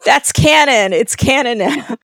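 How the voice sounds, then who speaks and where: A woman's voice: sits high, measured pace. A woman hosting a casual film discussion, enthusiastic and laughing often.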